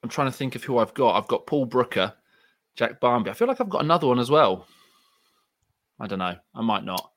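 A man's voice: medium pitch, lively intonation, fairly quick, long pauses, a bit bright, no echo. A man from Leicester hosting a football podcast in casual, conversational chat. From Leicester, England. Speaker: podcast host.

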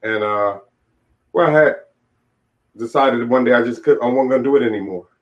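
A mid-range male voice at normal speed belongs to an author in his late forties who, as an interview guest, shares his life story in a candid, reflective, plain-spoken way. The recording is dull and lo-fi.

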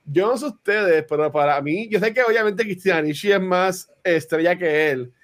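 A man hosts a casual podcast chat in a Puerto Rican Spanish accent. His voice sits high for a man. He rambles excitedly and fills his pauses as he goes. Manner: excitable, rambling with many fillers. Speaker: podcast host.

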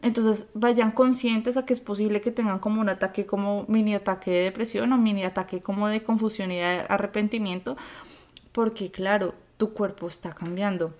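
A woman's voice: mid-range voice, fairly even intonation, moderate pace, darkish tone. A woman with a Colombian accent co-hosting a podcast, chatting casually and giving listeners candid, straight-talking advice. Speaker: podcast co-host. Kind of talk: casual chat.

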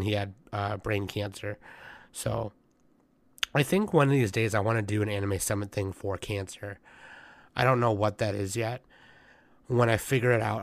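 Hoarse, congested young man rambling. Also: lowish voice, a bit bright, dry recording. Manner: rambling, profane, many fillers. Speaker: podcast host. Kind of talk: casual chat.

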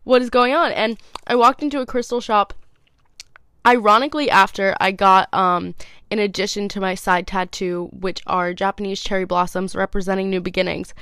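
A woman's voice: medium pitch, fairly even intonation, moderate pace, a bit bright, clean tone, dry recording. A woman in her twenties hosting a casual solo podcast, chatty and self-mocking, with a congested, nasal voice. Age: 20s. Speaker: podcast host.

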